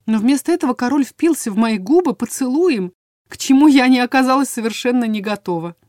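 A woman narrating a first-person fantasy audiobook in a dramatic, expressive reading, close on the mic. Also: a little high, a little fast, no room sound.

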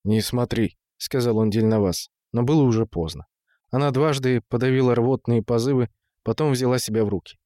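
A man narrating an audiobook in an even, unhurried reading on a close microphone. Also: mid-range voice, dry recording. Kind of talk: scripted narration.

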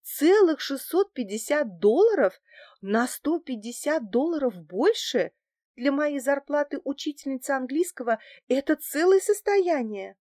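A woman's voice: a little high, a little mellow, no room sound, studio quality. A woman playing a flustered, timid teacher. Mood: amazed. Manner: flustered, halting, overeager. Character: young woman feigning a nervous, naive schoolteacher.

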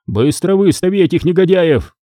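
A man's voice: normal speed, warm tone, no room sound, clean studio sound, natural voice. A man voicing a haughty, middle-aged rich businessman who gives orders and protests. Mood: indignant. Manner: haughty, shrill, commanding. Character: indignant rich middle-aged businessman, pompous then frightened.

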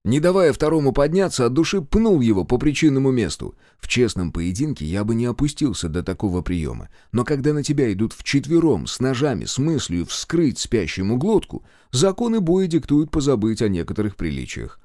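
Warm, lively male audiobook narrator. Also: medium pitch, brisk, hardly any pauses, no echo, clean studio sound. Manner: expressive, wry storytelling. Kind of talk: first-person fantasy audiobook narration.

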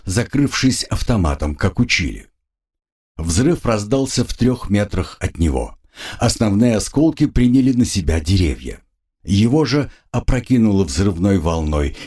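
A man reads a novel aloud in a grave storytelling manner. His voice is husky and fairly low, and his pitch moves in lively swings. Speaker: audiobook narrator. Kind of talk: scripted narration.

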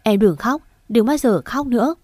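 A woman reading the lines of a tender, earnest young husband in a storybook romance, in a gentle, reassuring way. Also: a little high, expressive, normal speed, no echo, clean studio sound.

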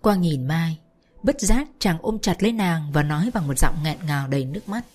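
A woman narrating a romance story in a steady, melancholy storytelling manner. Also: sits low, moderate pace. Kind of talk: audiobook narration.

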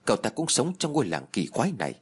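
A man's voice: medium pitch, huge pitch swings, rapid-fire, slightly rough. A man narrating a spooky first-person horror story in a tense, dramatic storytelling manner.

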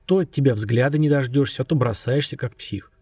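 A man reading the part of a sullen, capricious young woman; husky voice. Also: mid-range voice, a little fast, darkish tone, no room sound, lightly acted. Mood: peevish. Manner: peevish, capricious.

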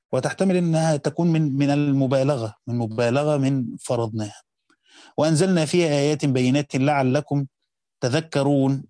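A man with an Egyptian accent reading a classical commentary aloud and explaining it as a teacher. He reads quickly and slows down to explain points of grammar. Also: medium pitch, dark tone, no echo, studio quality.

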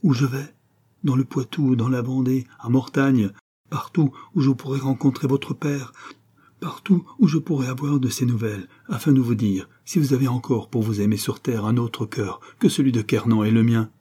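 A man's voice: mid-range voice, moderate pace, warm tone, slightly rough, pitched above the performer's own voice, close to an everyday voice. A man voicing a fervent young nobleman declaring his love and vowing to set out, declaiming with a raised voice. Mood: resolute.

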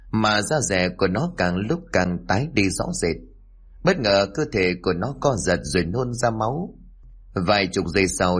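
Low, husky male narrator for a somber ghost story. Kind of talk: scripted horror narration.

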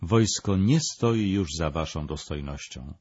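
A narrator reading a grave, blunt army general. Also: male voice, deep voice, lively intonation, unhurried, a little mellow, breathy edge, no echo, lo-fi sound, full character voice.

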